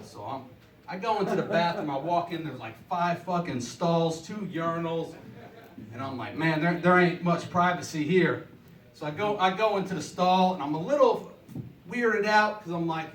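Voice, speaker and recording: Crude stand-up comic from New Jersey. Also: male voice, sits high, a little hiss or hum. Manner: crude, profane storytelling. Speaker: stand-up comedian. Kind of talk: stand-up routine. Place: small club or coffeehouse stage. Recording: echoey room, mic heard from a distance.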